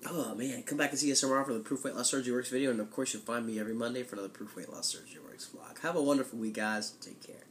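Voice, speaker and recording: A man vlogs in a casual, conversational way with a stuffed-up nose. His voice is congested from a head cold, as if tissue were plugged up one nostril. There is some noise behind him, and his pitch sits in a middle male range. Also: very fast, hardly any pauses, fairly bright tone. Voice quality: stuffy, blocked-nose sound. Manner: conversational, loose, frequent "you know". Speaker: weekly vlogger. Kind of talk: casual chat to camera.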